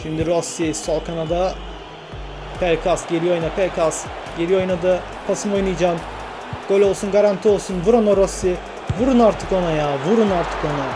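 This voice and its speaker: Brief: young gamer, high voice, excitable play-by-play, music under it. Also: male voice, moderate pace. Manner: excitable, shouts at the game, talks to himself. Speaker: gaming YouTuber. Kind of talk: football game commentary. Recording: game music clearly under the voice.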